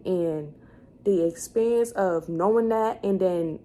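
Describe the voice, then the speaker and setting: A woman in her twenties with a low-leaning, mellow voice speaks slowly in a casual vlog, answering questions to camera. She rambles, thinking aloud and self-correcting, over clearly noisy room ambience.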